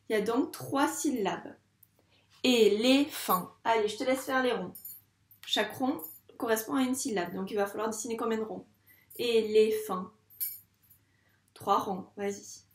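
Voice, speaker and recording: A woman's voice: fairly high pitch, echoey room. A woman teacher giving a patient video lesson to a young child, stretching out words syllable by syllable. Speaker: primary school teacher.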